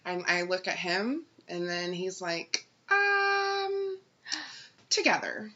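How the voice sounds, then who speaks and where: A woman in her twenties in casual chat, animated and laughing a lot, saying "like" often. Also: lowish voice, measured pace, dull audio. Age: 20s.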